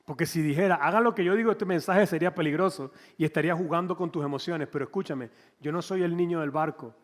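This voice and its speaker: A pastor preaching in a lively, conversational way, slipping into acted-out dialogue. His voice sits slightly high for a man. It rings with the long reverb of a church hall. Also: fast talker. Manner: animated, conversational, acts out quotes. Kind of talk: sermon.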